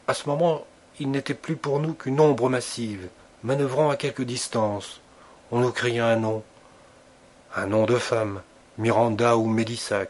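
A man reading a literary short story aloud as an audiobook, in a measured storytelling manner with vivid emphasis. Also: fairly low pitch. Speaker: audiobook narrator.

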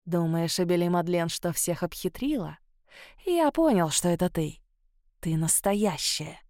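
A woman voicing a sly male healer who speaks in a low, insinuating drawl. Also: lively intonation, a little slow, darkish tone, dry recording, studio quality. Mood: menacing. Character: sly male court healer, menacing and smooth.

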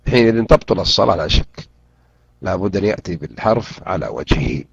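A man teaching a Quran interpretation lesson, drilling pronunciation and repeating words slowly and deliberately. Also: sits low, lively intonation, vocal fry, breathy edge, dry recording. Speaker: Islamic teacher. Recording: dull lo-fi recording.

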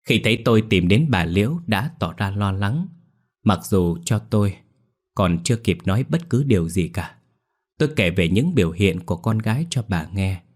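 A man narrating a ghost story in the first person with a tense, scripted delivery and a husky voice. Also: on the low side, animated, moderate pace, darkish tone.

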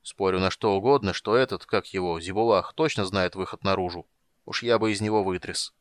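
A man playing a gruff giant warrior. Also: fairly quick, dry recording, clean studio sound, natural voice. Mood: grumbling. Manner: gruff, blunt and low. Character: huge male warrior, gruff but loving. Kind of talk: audiobook character voice.

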